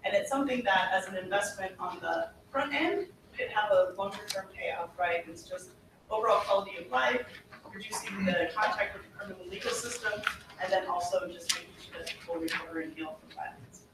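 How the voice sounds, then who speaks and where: A policy presenter giving a formal, explanatory briefing to a legislative committee, earnest and often pausing on fillers. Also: medium pitch. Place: legislative hearing room. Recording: echoey hearing room from far off, with background noise.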